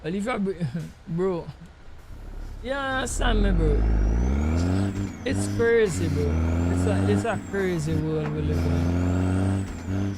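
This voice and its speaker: A Jamaican man with a rather high voice chats casually over a truck-driving game. He muses aloud and keeps checking in with the listener. Loud engine noise from the game runs under his voice. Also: big pitch swings, slow, pauses often. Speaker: gaming channel host. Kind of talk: casual rambling commentary over gameplay. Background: truck driving game sounds.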